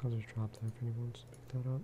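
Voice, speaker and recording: A gaming video creator murmurs soft-spoken ASMR commentary over clear background noise, his hushed voice sometimes slipping into a whisper. He muses aloud in an unhurried, low-key way, keeping a level tone.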